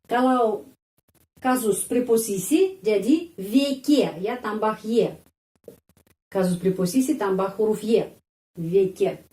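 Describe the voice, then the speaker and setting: A woman teaching a language lesson, explaining step by step and repeating each example word slowly and carefully. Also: medium pitch, mellow. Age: adult.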